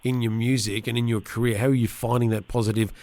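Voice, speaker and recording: A man's voice: mid-range voice, level tone, quick pace, a little mellow. Enthusiastic male radio host. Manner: enthusiastic, friendly questioning. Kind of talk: radio interview.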